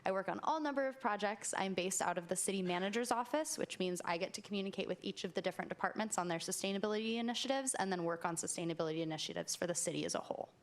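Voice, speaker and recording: A woman's voice: medium pitch, rapid-fire, few pauses. A woman speaking as a staff liaison, running a public meeting in a semi-formal way.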